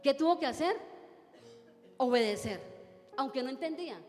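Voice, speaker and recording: A woman's voice: high-pitched, expressive, normal speed, darkish tone, in a large hall, soft background music. A woman preacher, delivering an emphatic sermon full of repetition and rhetorical questions. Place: church.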